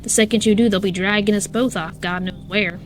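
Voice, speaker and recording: A woman's voice: mid-range voice, steady tone, a little fast, faint music behind, close to an everyday voice. A woman putting on a drawling country mama. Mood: folksy, pleading. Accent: put-on Southern US country. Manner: drawling, folksy, quiet. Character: folksy country woman refugee, motherly.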